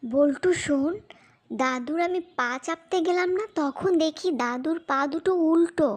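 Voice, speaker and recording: A high, childlike voice for a plucky young girl voiced by a woman in a children's fairy tale. She speaks with spirit and confidence as the clever, protective elder sister. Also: measured pace. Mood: urgent, plotting. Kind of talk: children's fairy-tale audio drama acting.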